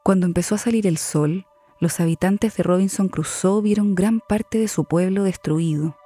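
Dark-voiced woman narrating a documentary. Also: on the low side, moderate pace, dry recording, faint music behind. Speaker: podcast host and narrator. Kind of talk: scripted narration.

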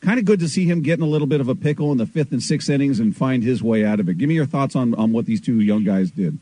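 A man's voice: mid-range voice, fast, mellow. A man hosting a sports radio show, jokey and teasing with his guest. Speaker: radio host. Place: radio studio.

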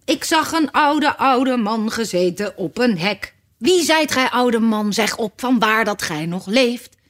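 Woman playing a dreamy knight, lilting half-sung ballad, storybook, slow. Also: a little high, animated, fairly bright tone. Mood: sing-song.

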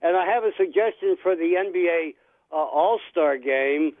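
An older man calling in to a radio show over a landline phone, speaking haltingly with many "uh" fillers and a wry, tongue-in-cheek tone. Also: fairly high pitch, dry recording. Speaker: caller. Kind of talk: call-in chat on a sports radio show. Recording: narrow tinny landline phone line.

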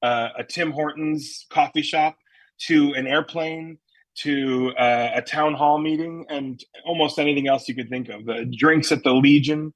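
Man, New England accent, husky voice, dry close sound, chatty interview guest. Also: on the high side, fairly even intonation, a little slow, dry recording, poor audio. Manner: chatty, many fillers and restarts. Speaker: stage actor, interview guest. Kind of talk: casual interview answers.

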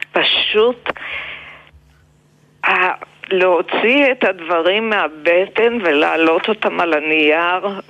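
An older woman with an Israeli accent, speaking reflectively and deliberately in an interview, with pauses and emphatic repetitions. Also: fairly low pitch, highs cut off. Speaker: interviewed memoir author.

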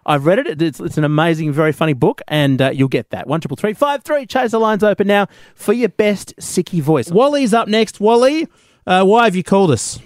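A man hosting a comedy radio show, lively and laughing often. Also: high voice, brisk, no room sound, clean studio sound. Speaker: radio host.

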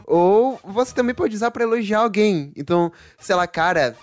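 A man's voice: sits high, lively intonation, moderate pace. A man from Salvador with a Bahian accent, hosting a casual quiz game and laughing often. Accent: Bahian Portuguese. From Salvador, Bahia, Brazil. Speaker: quiz host.

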